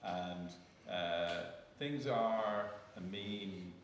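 Speaking in short, reflective phrases, a low-pitched man draws out his words while talking off the cuff on a panel. The setting is an indoor gallery event space, captured by a distant camera, leaving an echoey, faraway sound with some noise.

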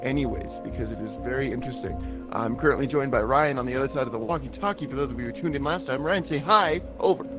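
A man's voice: medium pitch, fast. A man hosting a co-op game playthrough, talking casually over a muffled walkie-talkie and signing off his turns with "over". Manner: relaxed, ends turns with "over". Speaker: host, co-op game player. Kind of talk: casual gameplay chat in radio talk. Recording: dull lo-fi sound with loud music.

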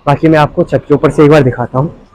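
A young man hosting a real estate channel, giving an upbeat sales pitch as he walks a street and an empty shop, with short pauses between phrases. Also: steady tone, a little mellow, rough recording. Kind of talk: property walkthrough narration.

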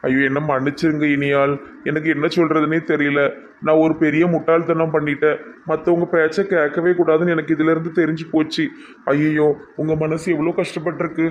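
A man with a fairly high but flat, level voice pleads and apologizes over and over in a comedy skit. A faint outdoor hum runs behind him. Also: a little fast, muffled recording. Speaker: comic suitor in a skit.

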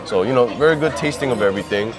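A man's voice: medium pitch, expressive, racing. A man in his thirties, a food vlogger, cheerfully describing dishes while eating in a busy restaurant. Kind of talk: casual food review chat. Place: restaurant dining room by the beach. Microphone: lapel mic. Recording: loud music and crowd behind. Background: piano music and diners chatting.

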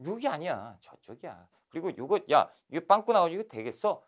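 A man's voice: a little high, big pitch swings, brisk, voice pushed up. A male lecturer voicing a bullying magistrate who barks at laborers in a retold history scene. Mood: scolding. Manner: scolding, barking orders.

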